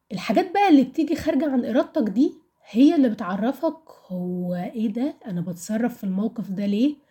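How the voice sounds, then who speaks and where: A woman of about twenty with an Egyptian Arabic accent talks casually and candidly to listeners about her own experience, often posing questions and answering them herself. Her voice is a little high and mellow.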